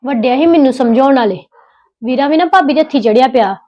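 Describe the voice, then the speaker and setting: A woman's voice: high voice, fairly quick, warm tone, lightly acted. A young woman, playing a spoiled, sulky younger sister-in-law who complains a lot. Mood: complaining. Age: early 20s. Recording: dull lo-fi sound.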